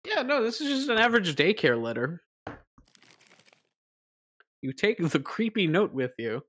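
A woman's voice: fairly low pitch, very animated, unhurried, fairly bright tone, slightly rough. A woman streamer chatting casually during a game, playful and teasing, with casual swearing. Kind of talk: casual gameplay banter.

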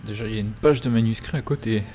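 A man's voice: on the low side, quick pace, warm tone, slight background noise. A man doing casual let's play commentary, musing and thinking aloud as he goes.

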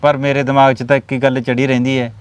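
A man's voice: mid-range voice, level tone, fast talker, close to an everyday voice. Man playing a pleading, placating village husband. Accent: Malwai Punjabi. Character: soft-spoken, pleading village husband and landowner. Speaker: husband in a village family drama. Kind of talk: amateur village drama acting.

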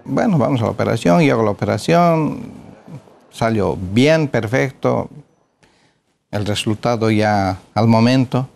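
A man's voice: medium pitch, a little slow, creaky, darkish tone. A middle-aged man, a plastic surgeon, telling a story from his career in an interview, hesitating with filler sounds and retelling the conversations.

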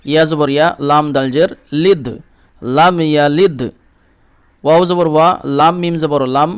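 Man, Quran teacher, slightly high voice, smooth and resonant tone, spells letters step by step, slow chanted recitation. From India. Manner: slow drawn-out chanted recitation between explanations; asks "ঠিক আছে?" to check understanding.

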